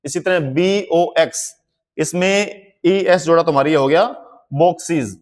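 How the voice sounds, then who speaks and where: A man teaching in a slow, deliberate classroom manner. He spells words out letter by letter and explains each sound step by step. His voice sits a little higher than most men's. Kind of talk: classroom-style language lesson.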